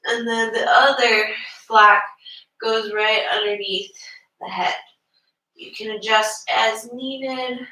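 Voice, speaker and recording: A woman's voice: on the high side, fairly even intonation, takes it slowly, bright, forceful tone. A young woman with a stuffy nose leading a live-streamed yoga class, speaking casually with many fillers. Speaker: yoga teacher. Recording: roomy, distant from the mic.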